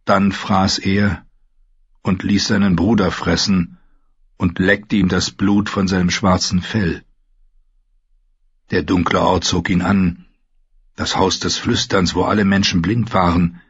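A man narrating a fantasy audiobook with a husky voice, reading in a measured, grave manner. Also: low-pitched, flat delivery, no room sound. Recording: dull lo-fi dry recording.

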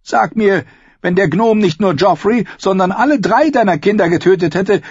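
A man's voice: fairly high pitch, normal speed, gravelly, a little mellow, slightly rough, dry recording, pitched above the performer's own voice. A man voicing a proud, desperate adult queen in a raised voice, pleading and scornful by turns, in an audiobook reading. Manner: pleading, then scornful and biting. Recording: dull lo-fi, dry.

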